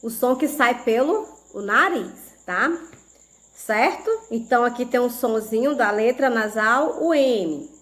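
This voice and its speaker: A Brazilian woman, a primary school teacher with a Brazilian Portuguese accent, gives a video lesson to young pupils, explaining patiently step by step and checking that they follow. Her voice is fairly high, animated, and a bit bright, at a measured pace.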